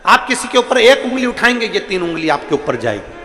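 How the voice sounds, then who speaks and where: Bright-voiced Hindi sermon preacher in a hall. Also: male voice, high-pitched, sing-song, a little fast, soft background music. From India. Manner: storytelling preacher, acts out voices in anecdotes, repeats lines for emphasis. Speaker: kathavachak preacher. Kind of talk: devotional sermon storytelling.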